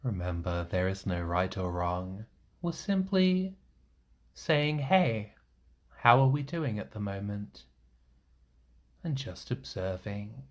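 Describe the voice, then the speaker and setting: Guiding a meditation very slowly, a man with a fairly low voice offers short, soothing instructions in a gentle, reassuring way. Long pauses fall between his phrases, and his pitch swings widely.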